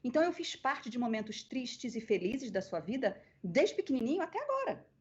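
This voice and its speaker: A woman with a Brazilian accent, a guest voice actress on a podcast, telling stories in an animated way. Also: fairly high pitch, a little fast, breathy edge. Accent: Brazilian Portuguese. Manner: animated storyteller, acting out quoted voices. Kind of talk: casual interview storytelling. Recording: dull lo-fi podcast audio.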